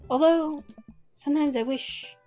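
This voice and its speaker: A woman's voice: high voice, steady tone, a little slow, warm tone, soft background music, pitched above the performer's own voice. A woman voicing a laid-back, goofy male youth minister in a dating game, talking in a wistful, easygoing way. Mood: dreamy.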